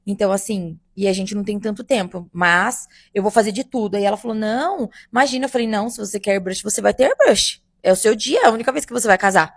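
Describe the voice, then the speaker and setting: Gravelly-voiced woman telling a story. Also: medium pitch, fast, few pauses. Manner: animated, addresses listeners as "gente". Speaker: bridal makeup artist. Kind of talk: casual first-person storytelling.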